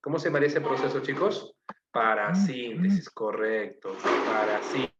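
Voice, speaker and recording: A Peruvian man teaching an online class speaks with a Peruvian Spanish accent in an expressive, mid-range voice at a moderate pace. He quizzes students, repeats their answers and lists examples. The sound is muffled, with a dull, roomy echo and faint noise.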